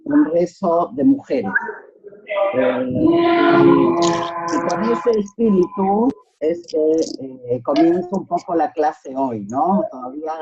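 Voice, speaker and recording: A woman teaches an informal group class over an online video call, regularly checking that everyone is keeping up. She speaks low and slowly with big swings in pitch, and the dull, lo-fi call audio carries some background noise.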